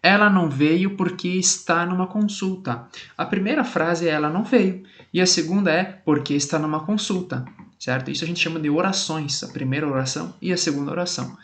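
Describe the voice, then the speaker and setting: A man's voice: on the high side, fairly quick, fairly bright tone. Man teaching grammar with a Brazilian accent. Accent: Brazilian Portuguese. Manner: explanatory, stresses example sentences, frequent "tá bom?". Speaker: Portuguese teacher. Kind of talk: grammar lesson to camera.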